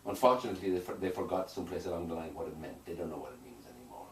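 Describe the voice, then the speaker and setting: A man's voice: low voice, rapid-fire. A man working as a hypnotherapist, answering interview questions in an emphatic, declarative way and repeating phrases for weight. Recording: echoey room, distant mic, faint noise.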